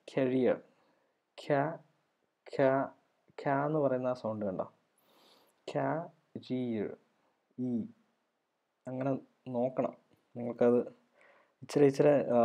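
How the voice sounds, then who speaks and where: Male lecturer, warm mellow tone, patient syllable-by-syllable drilling. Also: mid-range voice. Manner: slow, drills words syllable by syllable. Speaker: college English teacher. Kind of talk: recorded lecture.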